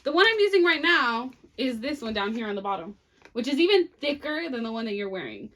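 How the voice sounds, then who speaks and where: A chatty young woman with a fairly high voice, talking casually with her sister as they get ready together. She rambles easily from one story to the next and giggles often. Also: very animated, brisk, bright, forceful tone. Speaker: co-host, sister.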